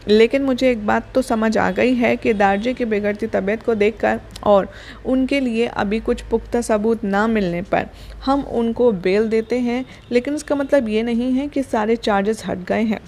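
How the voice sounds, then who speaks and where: A woman presenting a TV serial recap, narrating events in a brisk storytelling delivery and mixing in English words. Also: a little high, darkish tone.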